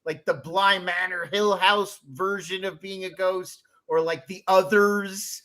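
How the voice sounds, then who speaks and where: An excitable man riffing on a casual group show. His voice is bright and a little high, and he piles one clause onto the next. The chat moves fast and loose. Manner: excitable, quick run-on riffs.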